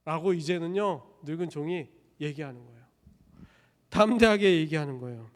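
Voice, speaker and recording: A man delivers a sermon in an animated storytelling manner, slipping into the voices of the people in the passage. His voice sits slightly high for a man. The sound rings with a long reverb, as in a large church hall. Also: moderate pace. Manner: animated storytelling, acting out characters' lines. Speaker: pastor. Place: church sanctuary.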